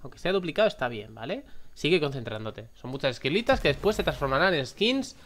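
A man with a Spain accent giving playful, casual commentary as he opens game loot chests, coaxing the viewer to concentrate and bursting out excitedly. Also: on the high side, fast talker, a little hiss or hum. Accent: Spanish from Spain. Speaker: gaming content creator.

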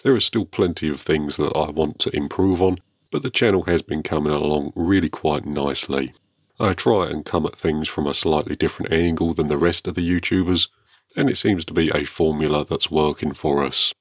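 A man hosting a video channel, presenting to viewers in a measured, polite, understated way. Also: extremely low pitch, husky, dry recording, clean studio sound. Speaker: YouTube airgun channel host. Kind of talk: scripted-sounding product showcase narration to viewers.

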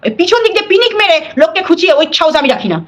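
A woman's voice: very high-pitched, very animated, rapid-fire, fairly bright tone. A middle-aged woman, hosting a live stream, scolding and defiant, repeating her points.

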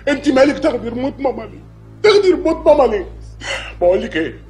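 Whiny mama's boy, high voice, jumps all over, fast. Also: sing-song, a little mellow, soft background music. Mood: petulant. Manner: whiny and childish. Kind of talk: broad TV sketch comedy.

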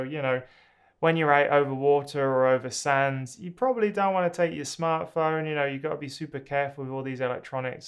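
In a small home studio, a drone reviewer in his thirties gives a casual product review to camera. His clear, smooth voice is slightly high, and he comes across relaxed and enthusiastic, with lots of ums and uhs.

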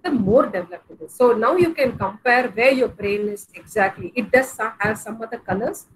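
A woman's voice: a little high, normal speed. A woman with a South Indian accent giving an online mental health lesson to teenagers, explaining with examples and often repeating words as she goes. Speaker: mental health session presenter. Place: indoors in a room at home or office, on video call. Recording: noisy video-call audio.

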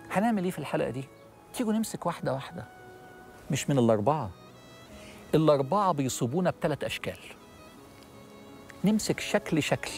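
A middle-aged man with an Egyptian accent giving a religious lesson to a studio audience, animated and asking questions. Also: mid-range voice. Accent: Egyptian Arabic. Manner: animated, asks the audience questions, acts out worried people. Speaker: religious TV host and lecturer.

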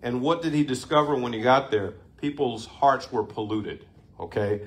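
A middle-aged man teaching a Bible lesson to a group, conversational, with restarts, lively emphasis and laughs. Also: medium pitch, normal speed.

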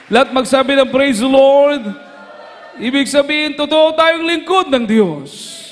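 A man with a Filipino accent preaching a fiery evangelical sermon, shouting refrains and calling the congregation to respond. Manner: high, shouting call-and-response, repeated refrains. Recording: long hall reverb.

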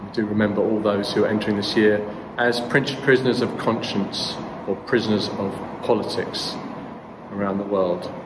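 A middle-aged man leading a spoken congregational prayer as pastor, measured and earnest with pauses. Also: on the low side, fairly even intonation. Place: church hall with brick walls. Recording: roomy hall echo, background noise.

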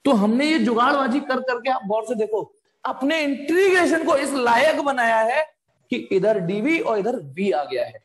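Brief: very high-voiced male tutor, jokey and pushy, echoey room. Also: expressive, moderate pace, a bit bright. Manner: playful, jokey, coaxing students to answer. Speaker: physics teacher. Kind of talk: live online class lecture.

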